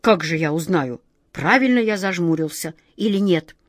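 A woman reading a storybook and voicing an eager, gullible man who pleads excitedly and loudly. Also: lowish voice, normal speed, dry recording, studio quality.

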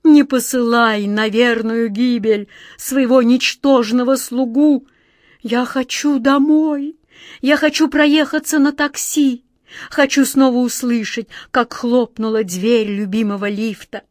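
A woman's voice: on the high side, animated, dry recording, studio quality. Woman doing a trembling, whiny genie. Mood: pleading, fearful. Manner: trembling, pleading, slow drawn-out wails. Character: frightened whiny male genie, huge and hairy. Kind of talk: audiobook reading.

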